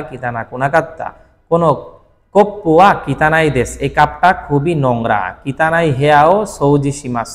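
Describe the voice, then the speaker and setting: A man's voice: fairly high pitch, big-room sound. A man whose first language is Bengali teaches Japanese vocabulary in a patient classroom style, often checking that the listener follows.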